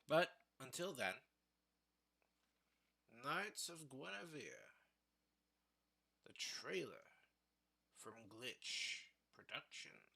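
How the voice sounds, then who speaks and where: A tired man hosting a casual reaction livestream, speaking haltingly and often repeating words. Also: mid-range voice, big pitch swings, vocal fry, pushed and bright, slight background noise. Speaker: livestream host. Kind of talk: casual trailer reaction stream.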